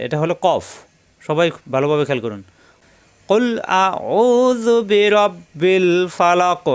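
This man's voice is on the high side as he works through a recitation lesson in stages, first spelling letters out slowly and then drawing the verses out in long chanted tones.

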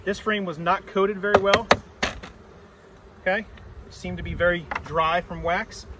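A middle-aged man teaches beekeeping by demonstration at an outdoor apiary on grass, describing each step in simple terms while he works. He speaks unhurriedly in a high voice with fairly even intonation, and the distant camera mic a few steps away yields very noisy sound.

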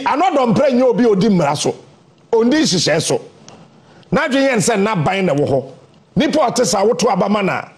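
A man with a Ghanaian accent hosting a radio morning show, commenting in Twi mixed with English. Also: high voice. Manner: animated, switching between languages.

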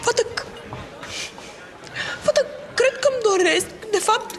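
A woman's voice: very high voice, expressive. A woman playing a ditzy, fashion-obsessed young woman who gossips and calls everyone "girl". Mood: gossipy. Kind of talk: sketch comedy.

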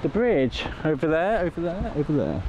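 The recording is muffled and swamped by loud traffic as a man walks a country roadside in the rain, narrating his vlog casually to the camera and a companion. His rambling talk comes at normal speed in a sing-song voice pitched on the high side.

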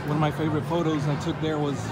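A middle-aged man vlogs a casual walking tour of an outdoor theme park, chatting enthusiastically while holding the camera at arm's length. His voice is a little high, with a flat delivery at a very fast pace, and the outdoor phone video is full of heavy background noise from loud music and crowds.

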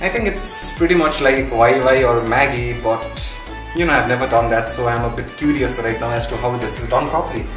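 In a rough, reverberant recording with loud music playing, a young Indian vlogger talks casually in a mix of English and Hindi from his small home room and kitchen. His mid-range voice moves a little fast.

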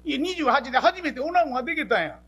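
A man's voice: extremely high pitch, rapid-fire, pitched above the performer's own voice. A man doing a hot-headed young Kansai blusterer. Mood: excited. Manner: excitable, loud, blustering.

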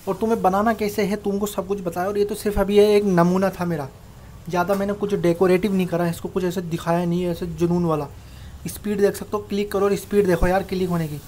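A man's voice: high-pitched, level tone, fast, darkish tone, slight background noise. Chatty young man narrating a game. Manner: chatty, informal, addresses viewers as friends. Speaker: gaming channel host. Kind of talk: casual Minecraft tutorial voice-over.

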